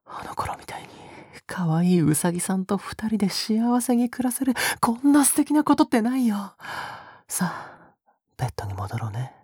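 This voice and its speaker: In an audio drama, a woman voices a young male captor who is sweetly possessive and sadistic, murmuring intimately to the listener and sometimes dropping into whispers. Her mid-range voice is breathy and husky, gently menacing and sing-song at normal speed, with a blissfully possessive mood. The recording is dry and studio quality.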